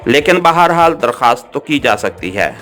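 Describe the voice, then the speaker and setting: A man voicing a second male guard in an audiobook, speaking in a resigned way over soft background music. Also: mid-range voice, very animated, moderate pace. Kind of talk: audiobook character reading.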